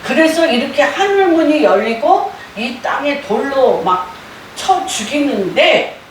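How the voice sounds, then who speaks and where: A woman pastor preaching a sermon in a church, with animated delivery that rises to loud exclaimed quotes. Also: high voice, measured pace, a little hiss or hum. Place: church sanctuary. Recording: roomy sound from a distant mic.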